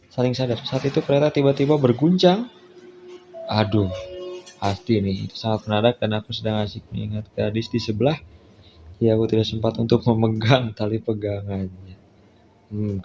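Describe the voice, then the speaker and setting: With a warm, medium-pitched voice, a man with an Indonesian accent reads a visual novel aloud in a casual let's play, reacting to the text with colloquial asides. He's a gaming content creator. The recording is dull and lo-fi, with faint game music in the background.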